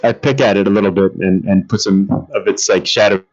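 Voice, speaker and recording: A man with a low voice plays a tabletop game, hesitating and thinking aloud over each move. The sound is dull, lo-fi online call audio. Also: fairly even intonation, fast talker. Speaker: player. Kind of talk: casual tabletop play.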